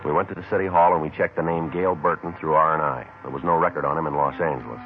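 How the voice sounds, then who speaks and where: An actor playing a male police detective who narrates in a clipped, flat, matter-of-fact way. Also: rumbling low, fast talker, heavy background noise. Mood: narrating. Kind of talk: 1950s radio police drama narration. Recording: tinny old radio broadcast with faint music.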